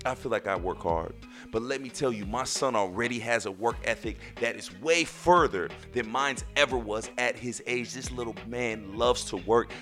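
A man speaks as the host of a casual solo podcast. His voice is mid-pitched and his delivery emphatic, with phrases repeated for effect. Faint music sits behind him. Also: fairly bright tone.

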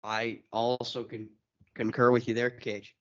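A man's voice: medium pitch, flat delivery, a little slow, fairly bright tone. A male basketball commentator talking casually to his partner over a dull, lo-fi online line. His audio cuts and stutters as the connection buffers, so words drag, jump ahead or drop away. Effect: choppy buffering stutter from a bad internet connection. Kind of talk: live play-by-play commentary.

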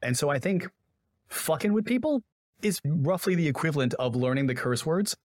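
A man's voice: a little high, animated, moderate pace, darkish tone, no room sound, studio quality. A man co-hosting a podcast, musing in casual chat and swearing loosely. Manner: reflective, profane, laughs often. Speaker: podcast co-host.

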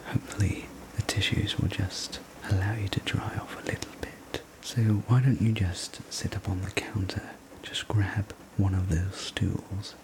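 A man telling a sleep story as a whispered role-play, gentle, soothing and unhurried, speaking as a server looking after a guest. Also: low-pitched, low-quality recording. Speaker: sleep story narrator playing a night-shift diner server.

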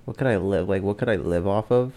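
A man's voice: lowish voice, fast, warm tone. A young man co-hosting a podcast, chatting casually in a crude, joking way and laughing often. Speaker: podcast co-host. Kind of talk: casual chat.

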